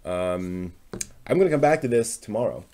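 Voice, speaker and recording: This craft vlog host, a man, gives a casual hands-on demonstration while tentatively muttering to himself as he works. His voice is on the low side, warm and animated, at a moderate pace. Clicking and background noise sit under a clear recording.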